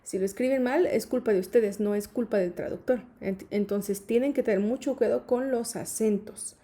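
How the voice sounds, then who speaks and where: A woman's voice: fairly high pitch, normal speed, dark tone. Woman teaching English grammar. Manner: patient, repeats points with "¿sí?" and "¿ok?". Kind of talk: explaining grammar.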